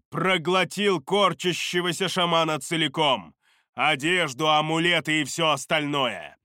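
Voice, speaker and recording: Male audiobook narrator, bright and slightly high, dry close sound, measured dramatic fantasy reading. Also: no room sound.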